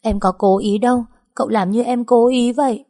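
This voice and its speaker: A woman's voice: a little high, fairly even intonation, normal speed, warm tone, voice pushed up. A woman voicing a tearful young bride who stammers and pleads. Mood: whimpering. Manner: stammering, whimpering, repeats words.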